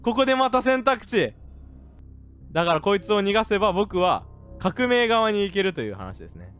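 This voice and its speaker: A man streaming a game, commenting excitedly, jumping from low mutters to rough joking shouts at the characters. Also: moderate pace, soft background music. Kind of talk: gaming live-stream commentary.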